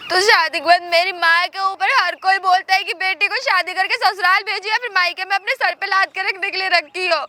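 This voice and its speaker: A woman's voice: very high-pitched, fairly even intonation, a little fast, hardly any pauses, sharp tone. A woman playing a traditional young wife who pleads and argues against a divorce. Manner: pleading and insistent. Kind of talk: family drama skit acting.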